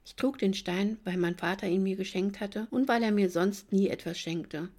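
Eine Frau liest ruhig und gleichmäßig aus einem Fantasyroman vor. Ihre Stimme liegt in einer mittleren Lage. Sie erzählt gelassen und gleichmäßig, ohne große Ausschläge. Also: female voice, mid-range voice, normal speed, a little mellow. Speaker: audiobook reader. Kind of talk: audiobook reading.

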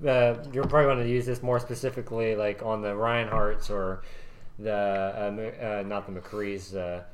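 A man's voice: lowish voice, steady tone, moderate pace, slight background noise. A man co-hosting a casual podcast, explaining things in a rambling, hesitant way. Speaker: podcast co-host. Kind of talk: casual chat.

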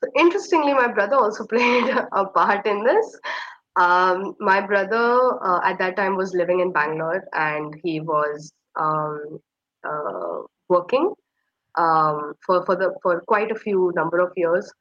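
A young Kashmiri woman, a guest in an interview, tells a personal story hesitantly and reflectively, using many fillers. Her voice is fairly low and fairly bright, with lively intonation and a measured pace. The recording is dry, slightly muffled, with no room sound.

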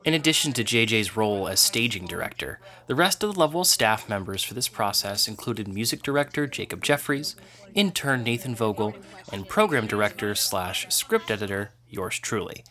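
A man, the program director, giving an even, informative scripted voice-over narration. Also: fairly low pitch, moderate pace.

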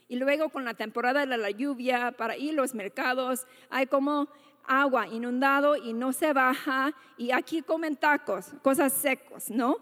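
A woman with a high, bright-pitched voice shares a testimony sermon at church, earnest and conversational, checking in with her listeners through frequent little questions. Her voice rings out with a long reverb, as if she is speaking in a large hall.

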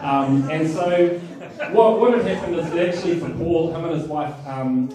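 A man's voice: on the high side, normal speed, crowd noise. A man preaching a sermon, telling a personal story in a chatty, self-mocking way with lots of fillers. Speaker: pastor. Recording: echoey hall, distant mic.

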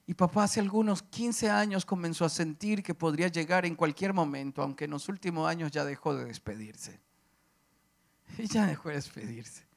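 A middle-aged man preaching a sermon, impassioned, swinging from loud declarations to hushed, emotional speech. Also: on the high side, moderate pace, creaky.

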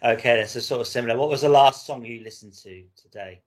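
A man's voice: mid-range voice, fast. Man interviewer with easy prompts. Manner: brief, agreeable prompts. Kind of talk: casual interview.

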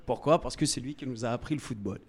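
A man's voice: mid-range voice, fairly quick, husky. A man in his forties, a bar owner, asking a chatty, storytelling question from the audience at a live talk. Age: 40s.

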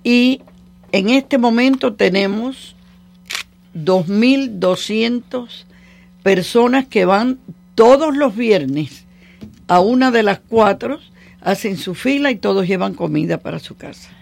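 A woman's voice: mid-range voice, expressive, takes it slowly, vocal fry, a little mellow. A woman being interviewed as a guest, talking off the cuff in Spanglish, dropping English words into her Spanish. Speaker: interview guest, community aid worker. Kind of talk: unscripted radio interview.

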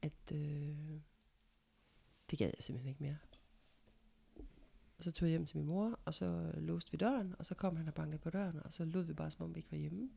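A woman's voice: sits low, vocal fry, long pauses, dark tone, husky. A middle-aged woman telling personal stories in casual conversation, candid and matter-of-fact. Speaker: guest, mother of the host.

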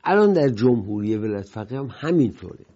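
Mellow-voiced male political commentary host. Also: medium pitch, sing-song. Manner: rambling, digressive storytelling with emphatic swings in loudness. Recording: dull lo-fi broadcast sound.

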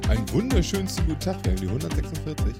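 A man's voice: a little high, very animated, very fast, over music. A man co-hosting a podcast over a call on a headset, teasing and playful. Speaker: podcast co-host. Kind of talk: casual chat.

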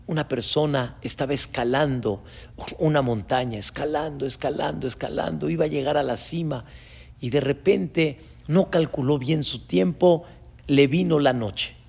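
Gravelly rabbi preaching. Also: male voice, fairly high pitch, normal speed. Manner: dramatic storytelling, sudden loud rises. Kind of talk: sermon.

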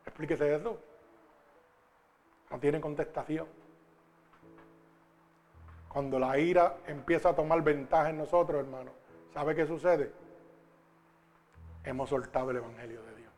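A male preacher delivering a sermon, fervent and emphatic, swelling loud as he reads scripture. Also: on the high side, unhurried, pauses often, soft background music.

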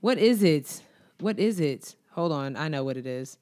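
A woman with a low voice chatting on a podcast. She talks casually, gets animated when she's making a point, and breaks into laughter often. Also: moderate pace. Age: adult over 25. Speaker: podcast co-host. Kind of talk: casual chat.

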